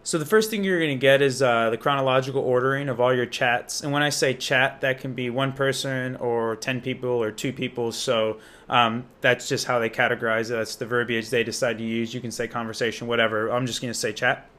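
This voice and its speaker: Going a little fast in a mid-range, fairly bright voice with fairly even intonation, a young man from Indiana in the United States demonstrates an app. His unscripted review stays casual, slangy and enthusiastic throughout.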